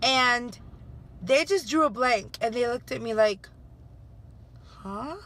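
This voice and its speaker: A woman teacher telling a classroom story in an animated vlog, acting out the children's voices. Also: a little high, measured pace, a little hiss or hum. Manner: animated, acts out kids' voices.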